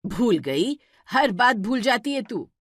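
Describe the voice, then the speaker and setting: A woman's voice: a little high, sing-song, slow pace, husky, dry recording, studio quality, heavily acted. A woman doing a stern scolding mother-in-law. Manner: scolding, sharp questions.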